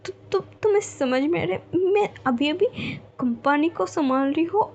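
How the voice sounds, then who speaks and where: A woman's voice: level tone, measured pace, vocal fry, warm tone, dull audio. A woman voicing a young gangster boss who stammers and gets flustered easily, in a Hindi storybook retelling. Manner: stammering, high-strung delivery.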